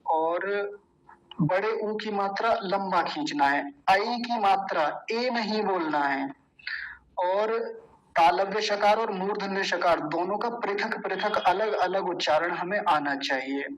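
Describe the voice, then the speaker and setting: A middle-aged man teaching verse pronunciation in a class, explaining patiently and chanting verses slowly and deliberately. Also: sits high, a bit bright, slight background noise, low-quality recording. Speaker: Sanskrit recitation teacher.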